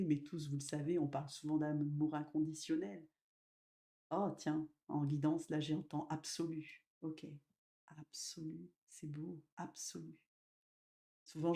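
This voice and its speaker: A woman medium giving a spiritual live talk, gentle and slow, with sudden loud emphasis and soft drops. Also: sits low.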